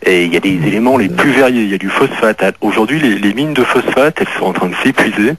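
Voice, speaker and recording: A man's voice: lowish voice, fast talker, fairly bright tone, slightly rough, no echo, poor audio. A man with a Lyon accent, a documentary maker guest on a radio show, explaining facts earnestly.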